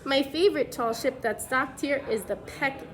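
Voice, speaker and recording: With a high voice, this woman reads to young kids from a picture book. Like a preschool teacher, she pauses to offer simple explanations along the way.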